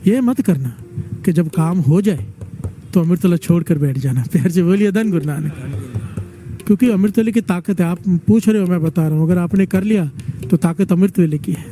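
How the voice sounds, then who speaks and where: Telling stories during a devotional sermon, a preacher leads the gathering and calls on the congregation to chant their responses. His voice is mellow and high-pitched, and his pace is normal.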